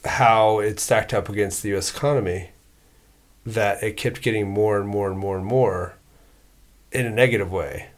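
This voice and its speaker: An easygoing man co-hosting a casual podcast. His voice sits low, and he talks in a relaxed way, working out his thoughts as he goes. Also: moderate pace. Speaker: podcast co-host. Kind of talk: casual chat.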